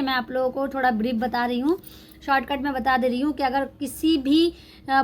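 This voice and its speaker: Woman teacher, high voice, patient step-by-step explainer, faint room noise. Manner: explains patiently, spells out letters slowly. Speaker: language teacher. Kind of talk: online language lesson.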